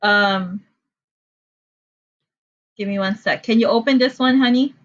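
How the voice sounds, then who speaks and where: Through a computer microphone on a video call, a woman from the Philippines with a Filipino accent teaches an online lesson. Her medium-pitched voice is unhurried, the highs are cut off, and her manner is chatty and apologetic, with frequent fillers.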